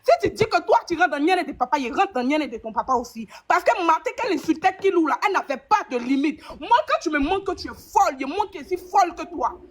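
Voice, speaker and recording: A woman's voice: high voice, animated, fast talker, hardly any pauses. A woman with an Ivorian French accent trading rhythmic, repetitive insults on a live stream panel.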